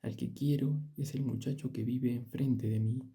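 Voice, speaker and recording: Storybook part: a fickle young woman, wheedling and theatrical, dark husky tone, read by a man. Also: mid-range voice, steady tone, moderate pace. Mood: gushing.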